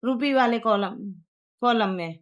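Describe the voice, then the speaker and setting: A woman with an Indian accent teaching a primary-school math lesson, explaining step by step and switching between Hindi and English. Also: a little high. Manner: reads English textbook sentences very slowly. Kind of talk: explaining a textbook lesson to young pupils.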